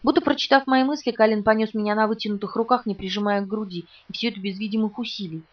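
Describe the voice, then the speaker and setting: Woman narrator, first-person audiobook, brisk pace, distant muffled sound, soft music. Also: mid-range voice, fairly even intonation.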